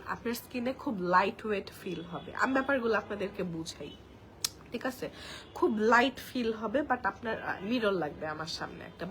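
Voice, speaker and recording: A woman with a Bangladeshi accent chatting through a live makeup demo, speaking softly because she has a cold and a sore throat. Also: mid-range voice, a little hiss or hum. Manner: talks softly while applying makeup, chatty. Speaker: makeup brand presenter. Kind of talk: live product demo chat.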